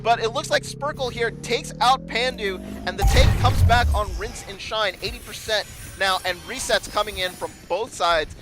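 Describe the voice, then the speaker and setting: A high-pitched man delivers frantic esports play-by-play over music. He rattles out excited, breathless short calls as the action unfolds. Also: normal speed, few pauses. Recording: game music behind the voice.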